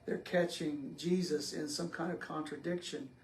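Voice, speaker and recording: A man leading a casual Bible study discussion, speaking slowly and haltingly with many pauses and fillers. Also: a little high, fairly even intonation, creaky. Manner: slow and halting, many ums. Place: church room. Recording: echoey room with faint noise.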